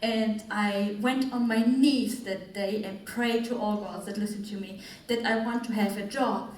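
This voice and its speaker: A woman's voice: mid-range voice, fairly even intonation, unhurried, darkish tone, a little hiss or hum. Woman, panel talk, laughing, candid, echoey, far from the mic. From Austria. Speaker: panelist author. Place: festival stage in a large hall. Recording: echoey hall, voice from afar.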